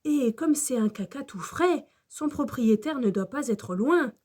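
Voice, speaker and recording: A woman voicing an old, slow, wise male dinosaur guide in a children's storybook reading, explaining calmly. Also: high voice.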